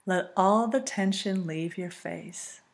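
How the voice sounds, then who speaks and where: A woman guides a listener through a relaxation exercise in a soft, low-pitched voice. She talks very slowly and calmly, leaving long pauses between her words. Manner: calm, soothing, slow with long pauses. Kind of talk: scripted guided relaxation narration.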